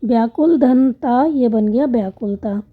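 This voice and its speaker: High-voiced woman teaching a school lesson. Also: unhurried. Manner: patient, spells out letters and word parts one by one. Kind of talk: explaining a school exercise step by step. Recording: dull lo-fi sound.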